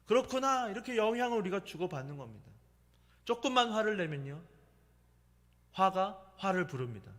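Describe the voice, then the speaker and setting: Lively male pastor in a reverberant church. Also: high voice, normal speed, long pauses. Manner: conversational storytelling preaching with laughter. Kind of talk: sermon. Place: church sanctuary. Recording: long hall reverb.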